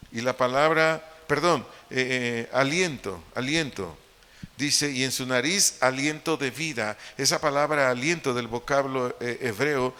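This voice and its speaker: A man's voice: mid-range voice, bright, forceful tone, clear, resonant tone. A man preaching a sermon with a Mexican Spanish accent, teaching step by step, repeating key points and putting questions to the congregation. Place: church hall. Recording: long hall reverb.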